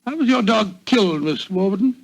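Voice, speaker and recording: Hearty, high-pitched British doctor, Doctor Watson. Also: male voice, animated, fairly quick, poor audio. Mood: curious, kindly. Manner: hearty, avuncular, blustering. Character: genial, blustering English doctor, the detective's loyal companion. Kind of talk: 1940s radio acting. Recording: old 1940s radio recording, faint noise.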